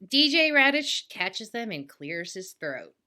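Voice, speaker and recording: A bright, animated woman recapping a TV episode on a casual podcast. She giggles often and jumps between plot summary and jokes, with a lively, swinging pitch. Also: measured pace. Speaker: podcast co-host.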